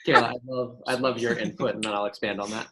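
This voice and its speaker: A man's voice: mid-range voice, steady tone, fast talker, heavy background noise. A man leading a group sales training, trading jokes and sarcasm with the group before giving upbeat instruction. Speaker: sales team leader running a training.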